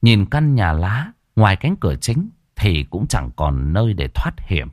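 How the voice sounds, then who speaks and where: Brief: male horror storyteller, dramatic and animated, dry close mic. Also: on the low side, measured pace, dry recording. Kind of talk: first-person ghost story narration.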